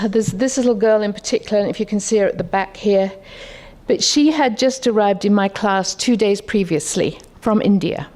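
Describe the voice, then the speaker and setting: A woman's voice: medium pitch, a little mellow. Woman giving a reflective keynote. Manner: conversational and reflective, with rhetorical questions. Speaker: conference discussant. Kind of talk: keynote talk with personal anecdotes.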